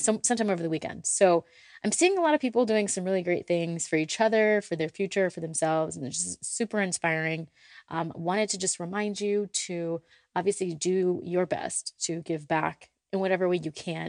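Woman, podcast host, slightly low pitch, casual voicemail-style chat, upbeat, encouraging, dry close recording. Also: no room sound.

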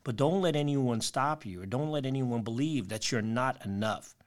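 A man's voice: medium pitch, moderate pace. A man hosting a motivational podcast, speaking directly to the listener in an upbeat, encouraging way and laying out tidy advice.

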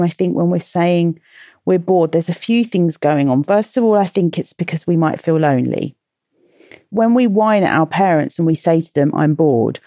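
Mellow-voiced British woman chatting to kids. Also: lowish voice, no room sound, studio quality. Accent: British English. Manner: playful and chatty, asks listeners questions. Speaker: children's podcast host and author. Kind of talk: casual talk to children.

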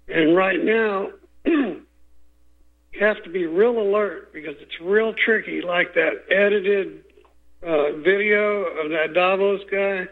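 A man calling in to a radio show over a phone line, talking in an earnest, rambling way and often clearing his throat. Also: sits high. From Houston, Texas. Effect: call-in voice heard over a phone line.

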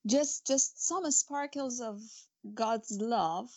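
In a spiritual interview, a guest author talks earnestly about faith and the stories she writes, in English that is not her native tongue, with many fillers and restarts. Her voice is fairly high with a darkish tone, and she takes her time.

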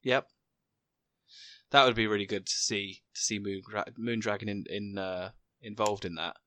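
A British man chats about comics in a relaxed podcast, his voice bright and forward. He hesitates often, restarting sentences and filling gaps with ums. The recording is dry and close. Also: lowish voice, moderate pace, dry recording. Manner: hesitant, many restarts and ums, laughs at himself. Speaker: podcast co-host. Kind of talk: casual chat about comics.

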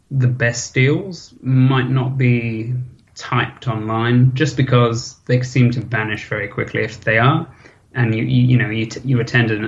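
A man in his thirties with a British accent, talking casually as an interview guest, often pausing with ums and restarting sentences. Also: medium pitch, dull audio. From Hong Kong. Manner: hesitant, many ums and restarts. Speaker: interview guest, forum member.

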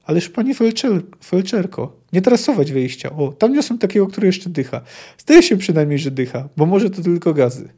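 A man's voice: high voice, lively intonation, fairly quick, dark tone, husky, voice pushed up. A man reading as an imploring soldier. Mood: pleading. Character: pleading male soldier carrying a body.

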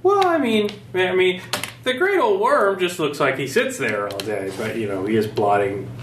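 A man playing a tabletop game, improvising casually in a hesitant, apologetic, halting way. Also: sits high, animated, a bit bright, roomy sound, a little hiss or hum.

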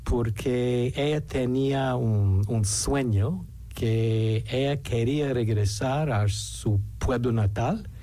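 A middle-aged or older man from New York, a native English speaker with an American accent in Spanish, talking haltingly as an interview guest and searching for words. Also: medium pitch, mellow, soft background music. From New York City, United States.

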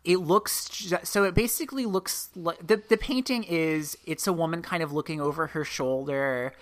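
A woman's voice: lowish voice, normal speed. A woman hosting a podcast, telling a story in a rambling, self-correcting way. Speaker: podcast host. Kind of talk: casual podcast chat.

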